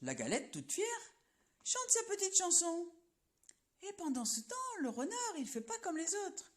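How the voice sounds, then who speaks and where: A woman telling a children's story in an expressive, playful way, sometimes asking the listener questions. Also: extremely high pitch, measured pace.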